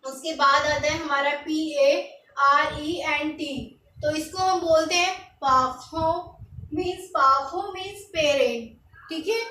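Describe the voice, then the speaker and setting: Casting: high-voiced woman teacher, patient and repetitive, recorded at a distance in an echoey room with faint background noise. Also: sharp tone. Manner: patient, repeats each word slowly. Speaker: French teacher. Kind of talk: explaining lesson. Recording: echoey room, mic far off.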